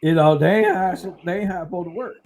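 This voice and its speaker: A man's voice: sits high, racing, creaky. Rambling man chatting casually. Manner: relaxed, rambling, talks through his uncertainty. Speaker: podcast host. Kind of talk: casual chat.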